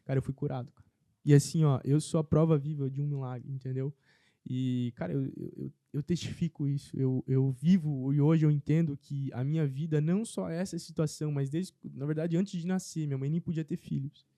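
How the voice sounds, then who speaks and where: A man telling a personal faith testimony as a podcast guest in casual chat, earnest and animated. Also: on the high side, fairly quick, no room sound, studio quality.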